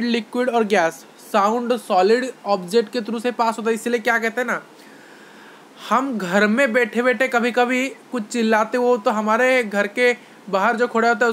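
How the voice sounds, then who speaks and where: A man's voice: high voice, a bit bright, a little hiss or hum. A man giving an online science lecture to students, repeating points, asking them questions, and mixing in English phrases. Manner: repetitive explanations, asks questions to students; mixes Hindi with English phrases. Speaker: science teacher.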